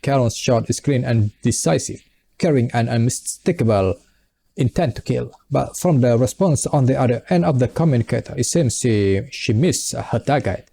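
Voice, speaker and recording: Mellow man reading a game aloud. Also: mid-range voice, expressive, moderate pace, vocal fry, slight background noise. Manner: stumbles and repeats words while reading. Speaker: gameplay streamer. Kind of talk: reading game narration aloud with casual reactions. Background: game music.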